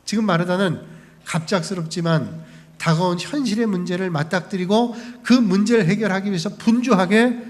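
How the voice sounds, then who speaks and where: A man's voice: high voice, darkish tone. A man preaching as a pastor, telling the story and briefly acting out the people in it. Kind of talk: sermon. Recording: long hall reverb.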